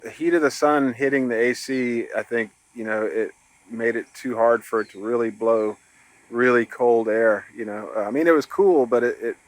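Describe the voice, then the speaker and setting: A man's voice: medium pitch, normal speed, dry recording. Easygoing man, dry close sound. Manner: easygoing, repeats words as he talks. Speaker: co-host of an RV living channel. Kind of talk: casual chat.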